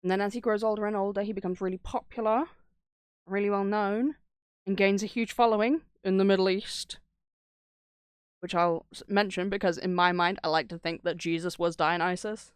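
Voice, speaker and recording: This horror-reaction streamer speaks at medium pitch and normal speed, her intonation fairly even and her tone clean, in studio quality without echo. She rambles casually through stories in an irreverent, sweary way, performing the dialogue as she tells them.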